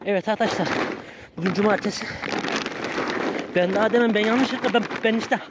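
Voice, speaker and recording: High-voiced man coaxing street animals. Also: a little fast. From Turkey. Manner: coaxing animals in a raised sing-song voice, playful scolding. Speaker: vlogger feeding street animals. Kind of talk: casual vlog commentary. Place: outdoors around his workshop. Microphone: handheld camera. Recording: noisy outdoor recording.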